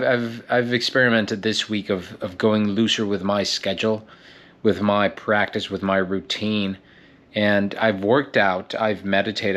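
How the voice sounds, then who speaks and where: A young man muses aloud in a solo vlog, drifting between thoughts and often restarting and repeating words. His voice is a bit low and his tone is reflective. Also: fairly bright tone. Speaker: actor and fitness vlogger.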